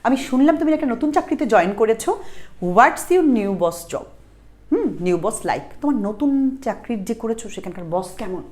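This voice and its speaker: A young woman, teaching an English exam-prep lesson. She reads phrases slowly, explains quickly, and often checks in with a rising question. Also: on the high side, animated, dark tone. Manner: explains slowly, then rapid asides, asks "ঠিক আছে?" with a rising tone.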